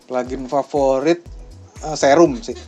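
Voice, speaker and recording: A young man, a music producer chatting casually about his home studio, relaxed and slangy with frequent laughter. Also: mid-range voice, a little slow, highs cut off. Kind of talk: casual studio-tour chat.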